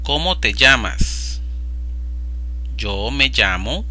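A little hiss or hum sits under the mid-range, animated, sharp-toned voice of a man teaching Spanish over slides. In a slow read-aloud drill, he carefully enunciates each practice phrase one at a time.

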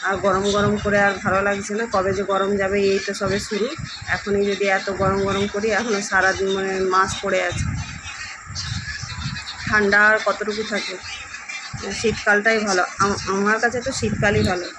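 A woman's voice: medium pitch, level tone, normal speed, background noise. Woman chatting through her chores. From India. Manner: chatty running commentary on chores. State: hot and tired. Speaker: vlogger. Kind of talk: casual daily vlog chat. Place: home kitchen and rooms.

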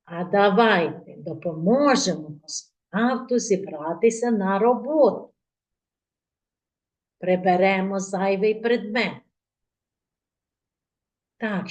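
A woman kindergarten teacher leading a speech lesson for preschool children, articulating each word clearly and prompting the group to repeat after her. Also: mid-range voice.

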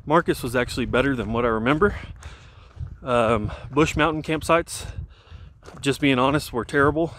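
Recorded on a camera he holds out at arm's length, a male hiker in his thirties narrates his descent down a mountain trail. His mid-range voice keeps a moderate pace, and his casual talk wanders, with fillers and restarts; a slight hiss or hum can be heard.

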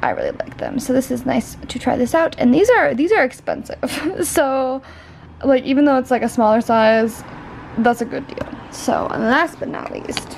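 A woman's voice: high voice, moderate pace, gravelly, a little hiss or hum, low-quality recording. A young woman rambling through a casual vlog unboxing, chatty and full of "like". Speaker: beauty vlogger.

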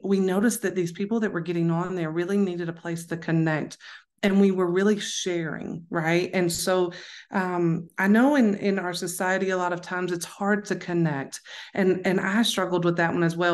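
A woman with a Southern accent, a life coach talking frankly and upbeat in a casual interview, often restarting and asking "right?". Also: lowish voice.

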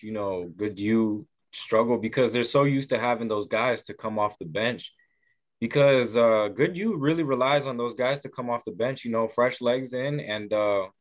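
A young man giving a halting sports breakdown as a guest on a video call, full of fillers and restarts. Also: medium pitch. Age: young adult. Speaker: guest analyst. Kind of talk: sports recap chat.

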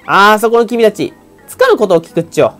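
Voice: medium pitch, sing-song, a little fast, fairly bright tone, faint music behind. A game streamer voicing a small, brash thief creature boss that ends its sentences with a 'cho' tic.

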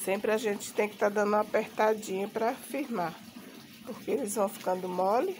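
A Brazilian woman with a mid-pitched voice, recovering from the flu, talks casually as she gives a show-and-tell. She is recorded outdoors in a home garden on a handheld phone. A faint noise like running water sits behind her voice. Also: steady tone, moderate pace, a little mellow. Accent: Brazilian Portuguese. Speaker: gardening vlogger.

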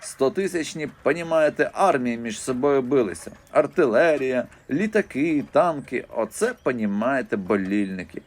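A man's voice: mid-range voice, expressive, normal speed, few pauses, lightly acted. A man voicing a village father who lectures with a habitual "you understand" filler. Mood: lecturing. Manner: keeps inserting "you understand". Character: middle-aged village father, know-it-all talker.

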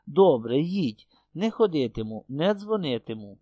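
A fretful older village mother frets and pleads in a raised, higher voice, as a male reader puts her on. Her nervous worry runs through every line, recorded dry and close. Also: big pitch swings, unhurried, dark tone, breathy edge, no echo, full character voice. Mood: anxious.

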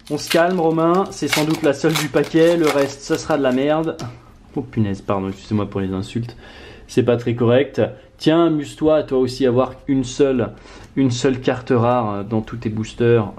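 Guy at home ripping open card packs, mid pitch, mutters then yells all excited, casual vlog chat. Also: slight background noise. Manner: animated, excitable, swings from muttering to loud exclamations. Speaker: vlogger opening trading card packs. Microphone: camera mic on tripod.

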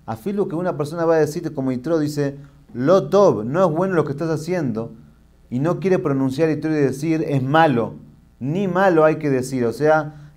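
Rabbi guy, middle-aged, preaching and cracking jokes, lively storyteller vibe. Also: mid-range voice. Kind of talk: sermon with jokes.

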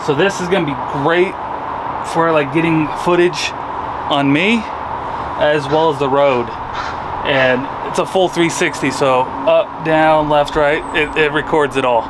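A man in his thirties casually reviewing motorcycle camera gear, talking in a relaxed, rambling way with lots of fillers. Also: fairly high pitch, a little slow, background noise. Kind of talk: casual product review vlog. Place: indoor room, then outdoors in a yard by a motorcycle.

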